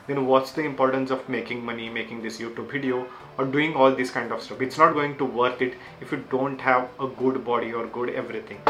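A man's voice: mid-range voice, fairly bright tone, poor audio. A young man, a native Marathi speaker with an Indian accent, shares self-help lessons with viewers in earnest non-native English, using simple, repeated phrasing. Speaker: YouTube creator sharing book lessons.

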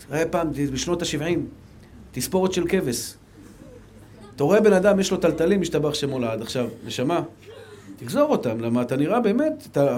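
A fervent Israeli rabbi with a high-pitched voice delivers a Torah lecture. He drops into soft, low asides and then climbs to raised, emphatic appeals to his listeners.

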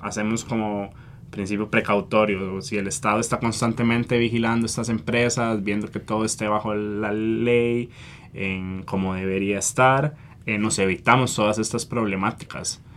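A fairly low-voiced man speaking Spanish with a Costa Rican accent, answering questions as an activist guest. He talks earnestly and keeps stopping to fill gaps with hesitant sounds. A faint rumble sits under the recording. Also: little pitch movement, normal speed, fairly bright tone. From Costa Rica. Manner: earnest, hesitant with frequent fillers. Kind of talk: interview answers.

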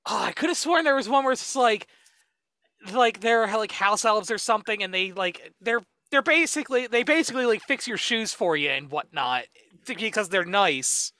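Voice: medium pitch, expressive, pushed and bright, dry recording. A podcast co-host in casual chat who rambles with lots of "like" and laughs easily. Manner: rambling, full of "like", quick to laugh.

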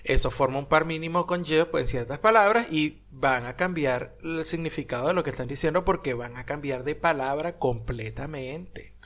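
A man co-hosting a casual podcast, chatting in an animated, joking, slangy way. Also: fairly high pitch, normal speed. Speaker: podcast co-host and language teacher.

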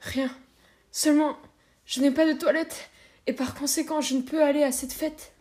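A woman reading as an anxious, yearning young wife who speaks softly and hesitantly. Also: high-pitched, moderate pace, voice pushed up, close to an everyday voice. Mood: plaintive. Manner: soft, plaintive and hesitant.

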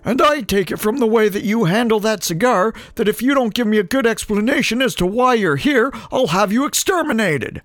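A man voicing a pompous, hot-tempered Martian general in a comic audiobook, shrill and indignant. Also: expressive, brisk, few pauses, fairly bright tone, dry recording, studio quality. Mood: livid.

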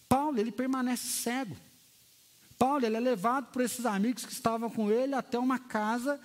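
A pastor, a man preaching a lively, storytelling sermon in a church hall. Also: very high-pitched. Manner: lively storytelling preacher who acts out quotes. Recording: long hall reverb.

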